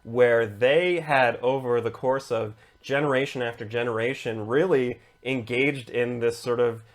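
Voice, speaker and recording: A man's voice: mid-range voice, fairly even intonation, measured pace. A man co-hosting a casual discussion, building a tabletop game character and explaining it in long flowing stretches. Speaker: co-host.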